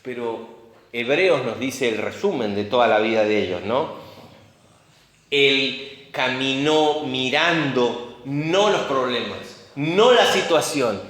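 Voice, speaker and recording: A man preaching a sermon, full of rhetorical questions and swinging between loud outbursts and hushed moments. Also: medium pitch, expressive, slow pace. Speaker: pastor. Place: church. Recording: very echoey church room.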